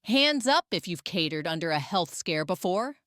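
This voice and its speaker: A woman voicing a single-mother caterer who gives calm, sharp orders. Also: mid-range voice, unhurried, no room sound, clean studio sound. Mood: commanding.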